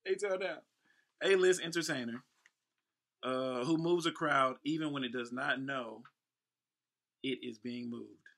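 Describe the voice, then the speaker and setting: An unhurried man with a mid-range voice leaves long pauses as he reads aloud. He is an American host and event MC in his thirties from Houston, Texas, playful and prone to casual asides, ad-libs and shout-outs.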